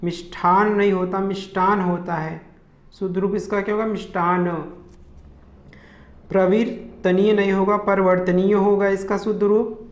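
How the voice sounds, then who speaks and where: A man with a high, flat voice runs a spelling drill for exam students. He calls out each wrong word, asks for the correct form and answers it at once. The room gives his voice a clear echo. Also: moderate pace. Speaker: Hindi grammar teacher. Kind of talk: exam-prep lesson.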